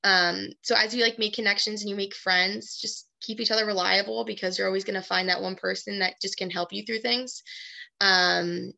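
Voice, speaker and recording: Young woman with a bright, gravelly voice. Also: medium pitch. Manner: casual, filler-heavy, reflective. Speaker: recent graduate panelist. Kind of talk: casual panel talk.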